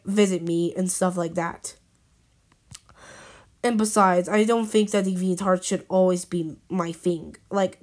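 A woman vlogging casually to her viewers, rambling and repeating herself, her voice hoarse from being sick. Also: medium pitch. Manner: rambling and repetitive, many restarts. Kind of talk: casual talking-to-camera vlog.

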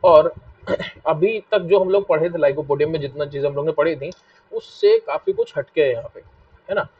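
A man's voice: a little high, moderate pace, no room sound. A male biology teacher with a Hindi accent giving a live online class, repeating key points and asking his students questions. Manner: repetitive, asks students questions and scolds them to stop fighting. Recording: dull lo-fi mic, a bit distant.

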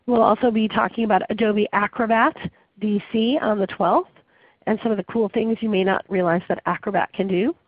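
A woman's voice: medium pitch, fairly even intonation, fairly quick, no echo. A woman hosts an online webinar while under the weather, her voice muffled from a cold. She speaks conversationally, filling gaps with ums and uhs. The audio is dry and narrow, like a phone line. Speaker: webinar host. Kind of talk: hosting a webinar. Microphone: webinar call audio.

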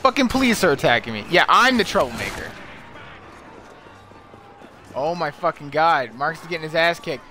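A man's voice: fairly high pitch, very animated, moderate pace, long pauses, pushed and bright, slight background noise. A man giving casual gameplay commentary from home, swearing often and sounding incredulous.

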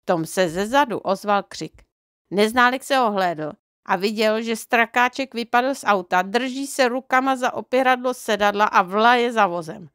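A woman's voice: fairly high pitch, fairly bright tone, smooth, no echo, clean studio sound. Woman reading a children's audiobook. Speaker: narrator reading to her children. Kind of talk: audiobook narration.

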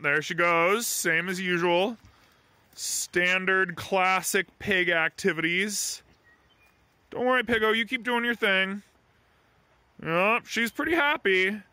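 A man's voice: fairly high pitch, sharp tone, clean tone, dry recording. A man casually narrating a farm vlog from behind the camera outdoors, chatty and rambling. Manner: chatty, rambling, affectionate toward the animal. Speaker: farm vlogger.

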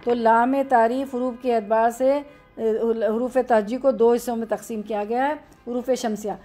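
A woman's voice: a little high, fairly even intonation, normal speed, dark tone, soft background music. A woman with an Urdu accent teaching a classroom grammar lesson, explaining step by step and answering her own questions.

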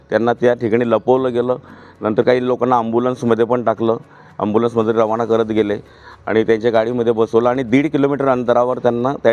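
A man, interviewed for the news, speaking haltingly with many pauses and restarts. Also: mid-range voice, a little mellow, muffled recording. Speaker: interviewee, husband of a tourist.

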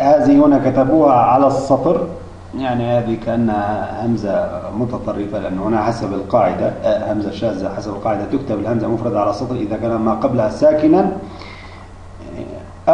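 A man's voice: mid-range voice, slight background noise. A man teaching Arabic spelling rules, explaining step by step with frequent restarts and hesitations. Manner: halting, many restarts and fillers. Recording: distant mic, echoey room, dull lo-fi.

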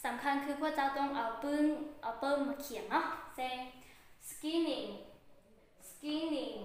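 Lao woman teacher, high voice, very slow word-by-word drills, booming echoey room. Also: a little hiss or hum. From Laos. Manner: repeats each word slowly twice, then translates. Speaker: English teacher. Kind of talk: vocabulary lesson.

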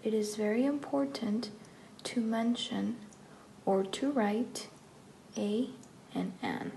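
A woman teaching an English grammar lesson, saying each sentence first in Spanish and then in English, in a soft-spoken, careful way. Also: on the high side, extremely slow, vocal fry, slight background noise, poor audio.

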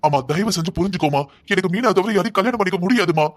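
A man's voice: high voice, very fast, lightly acted. A young man voicing a stubborn, resentful husband in a cartoon drama, speaking harshly and defiantly. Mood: agitated.

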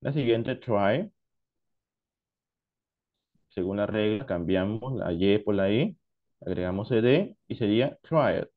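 Male teacher, slow deliberate delivery, lowish voice, muffled lo-fi sound. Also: expressive. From Peru. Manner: slow, deliberate explanations mixing Spanish and English. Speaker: English teacher. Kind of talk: online class lesson.

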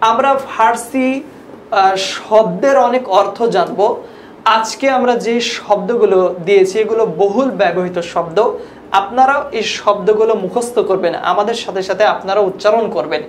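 A woman's voice: mid-range voice, moderate pace. A woman teaching a language lesson to viewers, explaining sounds patiently and repeating examples step by step. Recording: echoey room with faint ambient noise.

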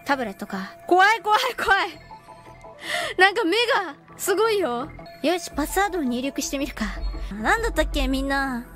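High, lively woman joking with chat. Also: normal speed, soft background music. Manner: playful, mock-threatening with chat. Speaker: streamer. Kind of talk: casual game stream chat.

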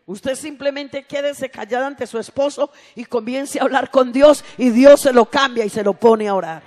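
A woman preacher giving a sermon, telling stories warmly and breaking into loud, fervent exhortations. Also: a little high, big-room sound. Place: church sanctuary.

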